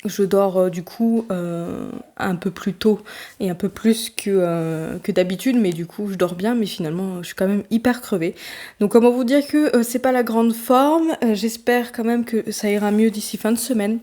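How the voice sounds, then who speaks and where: A book vlogger chats casually with her viewers about her reading in a mellow, warm voice of medium pitch at normal speed. She rambles, filling gaps with hesitations and fillers and restarting her sentences, and sounds stuffy and tired from a summer cold.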